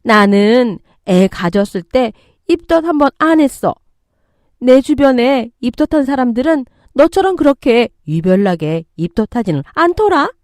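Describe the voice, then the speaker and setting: A woman voicing a harsh, scornful older mother-in-law who scolds loudly and with contempt in a story radio reading. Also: fairly high pitch, lively intonation, measured pace, no echo, studio quality, pitched above the performer's own voice. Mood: scornful scolding.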